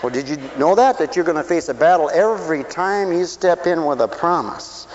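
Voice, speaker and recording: A man preaching a sermon, swinging between loud calls and low asides and asking the crowd questions. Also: lively intonation, a little fast, dull audio, slight background noise.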